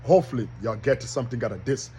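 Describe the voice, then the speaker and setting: A man's voice: mid-range voice, quick pace, mellow, slight background noise, rough recording. A man preaching informally to his listeners in a folksy way, often checking that they follow along. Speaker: online preacher.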